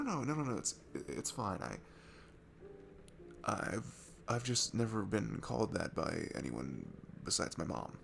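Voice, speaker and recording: In an intimate ASMR roleplay, a man plays a shy, nervous, sweet guy at a bar, stammering and rambling apologetically in a low, gravelly, breathy, exaggerated voice. He sounds flustered and giddy. Music plays behind him, along with slight background noise.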